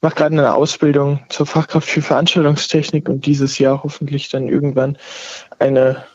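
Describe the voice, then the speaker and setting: A man's voice: on the high side, monotone, normal speed, breathy edge, no room sound. Young man on the phone, twenties, caller, hesitant with lots of fillers, dull lo-fi line, dry sound. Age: 20s. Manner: hesitant, searching for words with many fillers. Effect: heard over the phone. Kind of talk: casual call-in chat.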